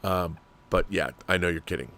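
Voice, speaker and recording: A low-pitched, creaky, slightly bright male voice at a moderate pace, with a little hiss or hum in the recording. He's an American livestream host from Washington state, chatting casually and discursively with viewers. He gives opinions, asks rhetorical questions, and reads and answers their messages.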